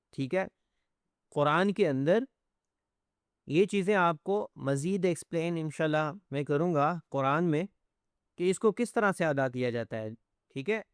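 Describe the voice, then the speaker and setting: A man with a high, smooth, resonant voice teaches pronunciation in a patient step-by-step lesson. He repeats each letter several times and keeps checking in with the listener. The sound is dry and close, with no room echo. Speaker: Quran teacher.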